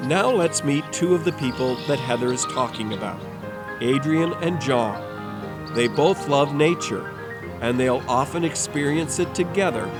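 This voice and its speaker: A man hosting and narrating a community documentary in a measured, steady way. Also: fairly high pitch, over loud music. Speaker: host and narrator.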